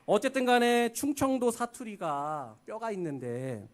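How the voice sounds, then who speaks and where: A man's voice: high voice, measured pace. A man from Gangwon Province preaching a Sunday sermon in a church, acting out folksy quotes. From Gangwon Province, Korea. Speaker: pastor. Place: church sanctuary.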